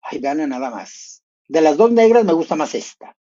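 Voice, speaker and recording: A man gives a playful, gossipy live commentary. He thinks out loud and breaks into sudden high exclamations. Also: big pitch swings, normal speed, dull audio.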